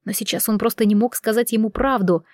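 A woman reading narration for a novel in a measured, expressive way. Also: a little high, no echo, studio quality. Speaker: audiobook narrator. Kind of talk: scripted narration.

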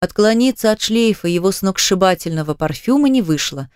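A woman's voice: medium pitch, animated, a little fast, a little mellow, smooth, dry recording, studio quality. A woman reading a novel aloud in the first person, with a tense, wry delivery. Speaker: audiobook narrator.

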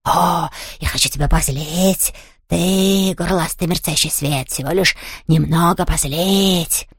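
A woman voicing a mischievous male ghost who wails slowly and drawls, in an audiobook. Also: fairly low pitch, slightly rough, no room sound, clean studio sound, full character voice. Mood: teasing, sly. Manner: slow, drawn-out wailing voice. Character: mischievous playful male ghost, boastful yet bashful. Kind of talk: audiobook character voice.

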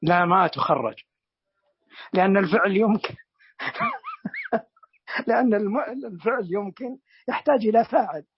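A man in the class answering grammar questions quickly and confidently. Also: sits high, wildly swooping pitch. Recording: husky voice, dull lo-fi sound off-mic.

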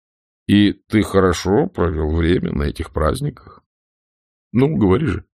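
A low, drawling voice with a mocking ease, as a man reads him in an audiobook. He talks of people with light scorn. The recording is dry and close. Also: very animated, measured pace, creaky, a little mellow, no echo, full character voice. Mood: wry. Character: wry, drawling grown man. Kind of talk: audiobook character voice.

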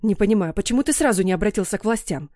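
A woman's voice: medium pitch, animated, very fast, no echo, clean studio sound, lightly acted. A woman voicing an indignant, exasperated mother with a sarcastic, snappy way of talking. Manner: sharp, snorting, sarcastic.

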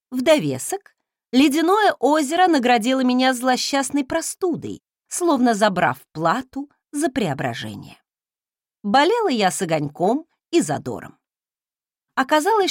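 Expressive woman narrating a novel. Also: on the high side, no echo, clean studio sound. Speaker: audiobook narrator. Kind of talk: first-person novel narration.

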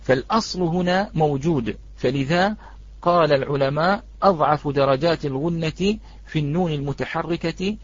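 A man leads a recitation lesson with a fairly high voice, stopping to repeat each rule and draw out the example words. The sound is dry and a little dull, with no room around it. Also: dry recording. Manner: patient, repeats points, recites examples slowly. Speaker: Quran recitation teacher. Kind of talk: online tajweed lesson.

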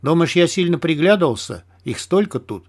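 A man doing a gruff veteran stalker. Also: fairly high pitch, lively intonation, fairly quick, a little mellow. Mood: gruff, dry. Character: wary veteran male stalker, gruff and terse. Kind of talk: audiobook character dialogue.

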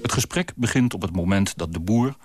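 A man's voice: deep voice, expressive, fairly quick, darkish tone, no room sound, clean studio sound, soft background music. A male radio announcer introducing a story and a conversation.

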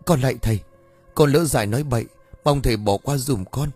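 A man's voice: medium pitch, a little fast, darkish tone, slightly rough, faint music behind, close to an everyday voice. A man voicing an anxious, deferential mother who pleads hesitantly with a shaman. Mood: pleading.

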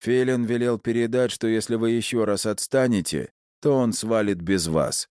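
A man's voice: on the low side, moderate pace, darkish tone, clean tone, no echo, clean studio sound, voice pushed up, lightly acted. A man voicing a brash, tattooed male gangster who talks in rude, taunting, swearing bursts in an audiobook. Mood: mocking.

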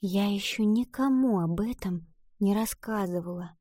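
A woman voicing a shy, earnest young schoolgirl who speaks quietly and hesitantly. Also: fairly high pitch, lively intonation, a little slow, no echo, clean studio sound. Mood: confiding.

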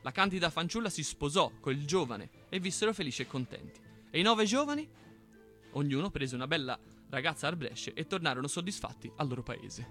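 A man hosting a radio show, reading a folk tale aloud in an expressive storytelling manner. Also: a little high, brisk, music in the background. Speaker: radio host. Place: radio studio.

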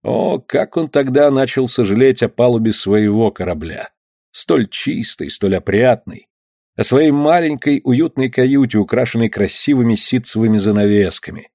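A man narrating an adventure story as an audiobook, in a measured reading manner. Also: medium pitch, warm tone, no room sound, clean studio sound.

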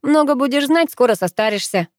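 A woman's voice: high-pitched, animated, brisk, no room sound, clean studio sound, pitched above the performer's own voice. Woman doing a cocky, drawling teen boy. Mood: teasing. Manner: lazy, drawling, teasing.

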